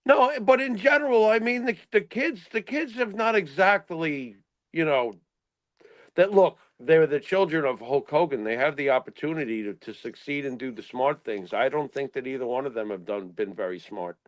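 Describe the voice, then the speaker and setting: Co-hosting a wrestling talk show, a middle-aged man speaks at a moderate pace in a fairly high voice, with no echo on the recording. The casual, opinionated panel chat finds him blunt, exasperated, cursing and firing off rhetorical questions.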